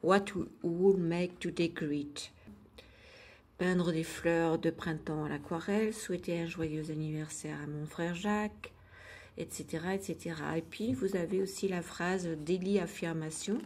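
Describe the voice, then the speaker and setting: Woman vlogger, casual and gentle, low mellow voice, hesitant delivery. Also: steady tone, normal speed, slight background noise. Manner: gentle, hesitant, with many fillers. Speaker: vlogger presenting her daily routine. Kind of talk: casual chat.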